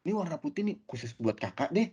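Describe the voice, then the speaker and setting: A man's voice: on the high side, big pitch swings, fast, warm tone, breathy edge, lo-fi sound. A man voicing a friendly shop sales assistant with sweet, coaxing sales patter.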